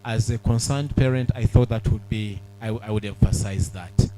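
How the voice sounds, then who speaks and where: A middle-aged man, giving an earnest, measured public speech at a book launch, with pauses and fillers. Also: fairly low pitch, fairly even intonation, mellow, poor audio. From Uganda.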